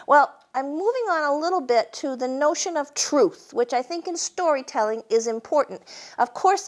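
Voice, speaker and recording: A woman telling humorous stories to an audience in a folksy, wry, conversational way. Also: high-pitched. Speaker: storyteller and humorist hosting a program. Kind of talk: live humorous storytelling to an audience.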